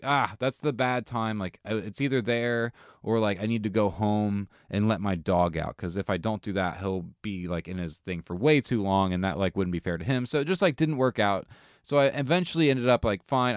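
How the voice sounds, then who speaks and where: Brief: young adult male co-host, low smooth voice, dry close sound, rambling animated anecdotes. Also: dry recording. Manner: animated storytelling, swearing, many fillers. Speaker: podcast co-host. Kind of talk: casual chat.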